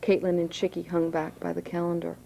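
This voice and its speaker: Author reading aloud: woman, dark gravelly voice, unhurried, school room. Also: fairly low pitch, completely flat delivery, a little hiss or hum, poor audio. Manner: plain, unhurried reading with asides. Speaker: author reading her novel. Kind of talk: reading a novel aloud to students.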